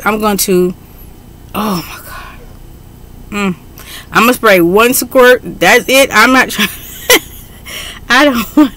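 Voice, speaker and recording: A middle-aged woman talking casually on a home webcam in an excitable, chatty way, with frequent fillers. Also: medium pitch. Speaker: beauty vlogger. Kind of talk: casual haul video. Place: bedroom at home, indoors. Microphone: webcam at desk.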